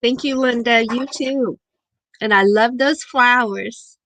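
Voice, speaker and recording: A woman from southern Missouri, with the accent to match, hosts a livestream and chats casually with viewers, reading their messages aloud. Her voice sits on the high side, fairly bright and unhurried, though the audio quality is poor.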